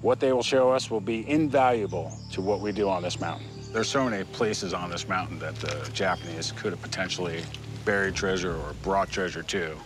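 Speaking briskly over music, a middle-aged treasure hunter with a low-sitting voice talks practically and plainly on a lapel mic. He is outdoors at a jungle base camp, delivering expedition field talk.

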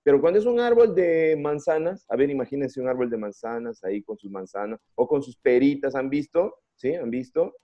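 A man's voice: medium pitch, a little fast, few pauses. A man with a Peruvian Spanish accent teaching an online English class to young students. He keeps asking questions, coaxes the kids to join in, and jokes around to keep them engaged. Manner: lively, coaxing, playful, asks many questions. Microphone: computer mic on a video call. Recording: slightly dull lo-fi call audio.

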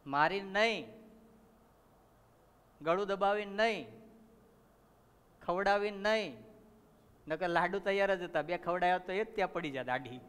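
A man's voice: sits high, measured pace, long pauses, smooth. A man with a Gujarati accent telling a story in a sermon as a katha preacher, acting out the characters and asking his listeners questions. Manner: animated storyteller, acts out characters, asks the audience questions. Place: temple assembly hall. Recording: long reverb of a temple hall.

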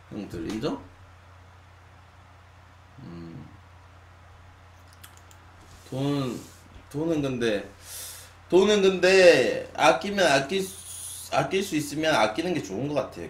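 A man's voice: mid-range voice, very animated. Rambling late-twenties man in an echoey room. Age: 20s. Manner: musing, slow and sighing, drifting between loud and soft. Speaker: live streamer. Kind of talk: casual late-night chat with viewers. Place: small room at a desk. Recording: echoey room, faint hum.

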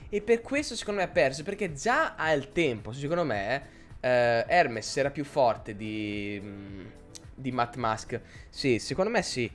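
A man's voice: on the high side, fairly bright tone. A man streaming live, chatting casually and rambling as he answers his chat viewers.

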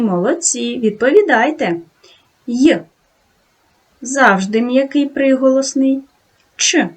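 A woman teaching a video lesson to second graders, talking slowly and sing-song and praising the children often. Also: medium pitch, slightly rough. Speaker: primary school teacher.

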